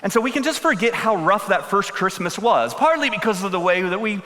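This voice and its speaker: A man's voice: high voice, animated, fairly quick, pushed and bright. A man preaching a sermon into a pulpit microphone, conversational and joking, then building to emphatic appeals. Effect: speaking into a pulpit microphone. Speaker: pastor. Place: church sanctuary. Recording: long hall reverb.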